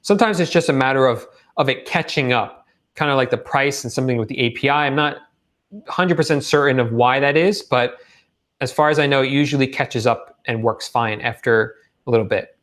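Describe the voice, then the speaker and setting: A man's voice: mid-range voice, fairly quick, a bit bright. Casual man answering live-stream questions. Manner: reads viewer questions aloud and answers them casually. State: losing his voice in a hot room. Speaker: host of live Q&A on online selling.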